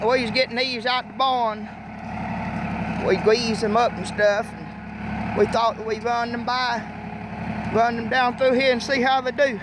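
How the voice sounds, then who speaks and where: Farm guy rambling on his phone outside, high voice, slow easy talk, loud tractor engine behind him. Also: fairly even intonation. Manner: rambling, folksy, loose grammar. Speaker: farm vlogger. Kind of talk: casual farm vlog. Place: outdoors on a farm field beside a running tractor. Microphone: phone camera. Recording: outdoor phone audio with loud engine noise.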